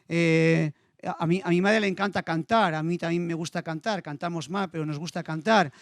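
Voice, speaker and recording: Emotional pastor, higher-pitched man, dry sound. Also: dry recording. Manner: emotional storytelling, repeats phrases. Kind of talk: sermon with personal testimony.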